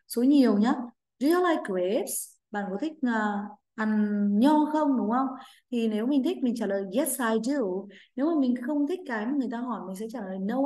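A woman's voice: a little high, darkish tone. Woman teacher with a Vietnamese accent, stretches model words for kids to repeat, roomy echo. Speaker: English teacher. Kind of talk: children's English vocabulary lesson.

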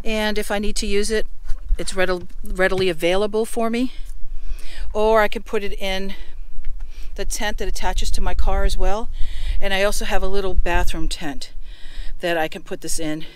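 A woman's voice: medium pitch, fairly even intonation, moderate pace, clean tone. A middle-aged woman vlogging from her car, casually showing and explaining her gear in a chatty, practical way with frequent ums and restarts. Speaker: van life vlogger. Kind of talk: casual show-and-tell demonstration. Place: inside a parked car.

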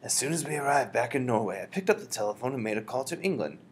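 A man voicing a calm, wise elderly grandmother who speaks in a measured, reassuring way. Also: mid-range voice, a little hiss or hum, voice pushed up, close to an everyday voice.

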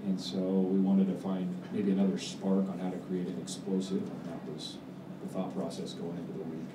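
A man in his forties, a head football coach answering post-game press questions in a measured, halting way with many fillers. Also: deep voice, completely flat delivery. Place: press room with backdrop, indoors. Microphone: table mic on stand. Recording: roomy, distant mic, background noise.

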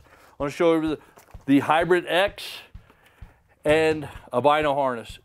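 A middle-aged man hosting a membership sweepstakes drawing, talking in a folksy, upbeat way as he reads out winners and their towns in a wood-paneled room. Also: mid-range voice. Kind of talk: casual announcing to camera.

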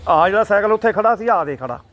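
A man's voice: sits high, lively intonation, fast, a bit bright, muffled recording. An older man with an Indian Punjabi accent chatting casually with a small child, teasing and repeating his phrases. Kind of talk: casual home chat. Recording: faint background noise.

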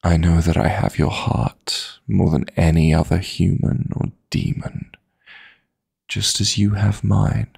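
A man playing a possessive, teasing dream demon lover in intimate sleep-aid roleplay audio, coaxing softly and deliberately in a gravelly, breathy voice. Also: low-pitched, steady tone, exaggerated voice.

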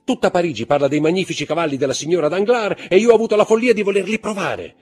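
A man's voice: high-pitched, fast, a little mellow, slightly rough, faint music behind, voice pushed up. A man reading aloud who voices a frantic aristocratic young mother, pleading and breathless. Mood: eager.

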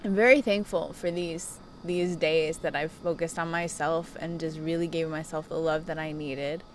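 Outdoors on a wooden deck, with clear ambient noise, a middle-aged self-help vlogger who gives coaching sessions talks frankly and casually to camera. She has a low voice with fairly even intonation and a moderate pace.

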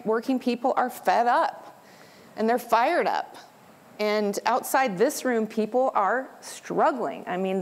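A woman speaking as a union leader in a panel discussion at a conference, passionate and rallying, often tagging on rhetorical questions. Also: mid-range voice. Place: conference event room.

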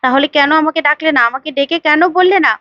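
A man's voice: extremely high pitch, quick pace, pushed and bright, no echo, dull audio. A woman playing a distraught, demanding father. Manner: agitated, pleading.

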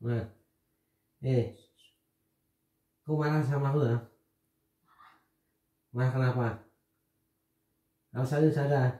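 A man's voice: medium pitch, fairly even intonation, slow, long pauses, mellow, roomy sound, far from the mic. A man filming his family, teasing his wife in casual, playful banter and pressing her with questions. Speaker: father filming a family vlog.

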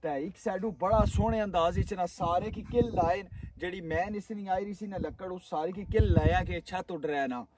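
A man's voice: high-pitched, quick pace, few pauses, crowd noise. A young man vlogging outdoors on a dry lakeshore, chatting to viewers as he builds. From Kashmir, Pakistan. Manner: chatty, addresses viewers directly. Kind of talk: casual outdoor building vlog.

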